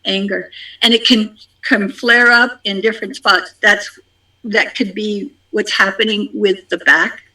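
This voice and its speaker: A community member in a spiritual group discussion, sharing a practice in a halting, unhurried way with many ums and repeated phrases. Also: mid-range voice, steady tone, bright, forceful tone, low-quality recording.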